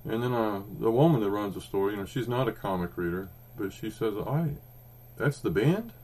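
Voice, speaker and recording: Chatting about comics as a podcast co-host, a fifties-aged man with an Oklahoma accent rambles along with ums and restarts. He sounds lowish, expressive and a little mellow at a moderate pace.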